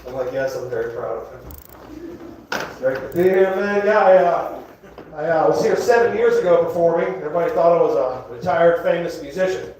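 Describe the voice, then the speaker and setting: A fired-up Floridian man in his sixties rambles through a self-mocking stand-up set on a comedy club stage, bantering with the crowd. His voice is fairly high, brisk and a bit mellow, with a little hiss or hum. It's recorded from a distance in an echoey club, with the audience laughing.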